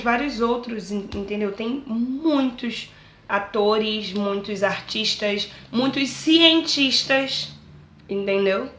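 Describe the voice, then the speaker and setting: A woman's voice: medium pitch, sharp tone, roomy sound. A Brazilian woman talking casually and earnestly about her own life, often checking that listeners understand. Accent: Brazilian Portuguese. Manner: chatty, keeps asking "entendeu?"; earnest and pleading when addressing teachers. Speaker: vlogger speaking about her dyslexia. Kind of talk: casual personal talk to camera.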